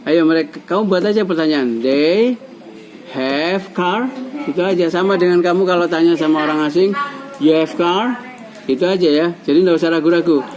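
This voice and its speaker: A man's voice: fairly high pitch, steady tone, brisk, darkish tone, rough recording. A man with an Indonesian accent teaching an English class, patiently repeating and coaxing his students. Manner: patient, repetitive, coaxing explanations.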